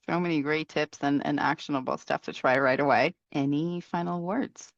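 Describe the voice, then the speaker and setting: A woman hosting a podcast in casual chat, who laughs often and grows animated when she retells stories. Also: low-pitched, moderate pace, gravelly, no room sound, muffled recording. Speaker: podcast host.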